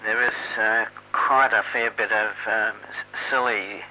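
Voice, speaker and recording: A man chatting on an amateur radio net, heard over a slightly mistuned AM ham radio link. He talks in a halting way, with many filler sounds. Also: fairly low pitch, steady tone. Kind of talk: on-air radio net chat. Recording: muffled AM ham radio with faint hum.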